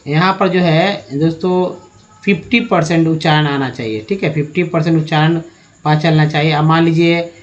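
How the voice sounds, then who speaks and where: A man teaching an English pronunciation lesson, slowly spelling words letter by letter and addressing viewers as friends. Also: on the high side, fairly even intonation. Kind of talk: spoken language lesson. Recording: dull lo-fi recording.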